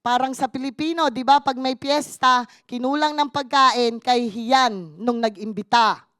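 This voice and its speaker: Middle-aged Filipino woman preacher, high and dry, code-switching, emphatic. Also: steady tone, moderate pace, fairly bright tone, no echo. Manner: switches between Tagalog and English, rising to emphatic bursts. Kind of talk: sermon.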